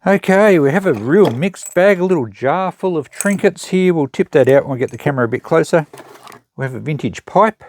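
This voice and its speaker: An Australian man who hosts an unboxing channel and sells at a secondhand shop talks casually and matter-of-factly, thinking aloud as he shows items in unscripted show-and-tell commentary. His voice is a little high, expressive, a little mellow, and fairly quick.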